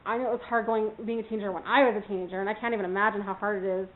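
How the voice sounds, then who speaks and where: A woman's voice: medium pitch, little pitch movement, racing. Woman vlogger from California, rambling casual chat, thin phone-like recording. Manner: rambling, many fillers, talks to her puppy. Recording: tinny phone-like sound.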